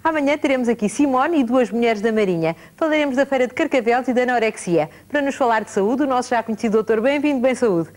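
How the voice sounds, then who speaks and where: A middle-aged woman presenting a TV promo for tomorrow's show, with a brisk, bright presenter delivery. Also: fairly high pitch, lively intonation. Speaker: talk show host. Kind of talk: TV promo announcement. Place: TV studio set. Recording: music-backed VHS broadcast audio.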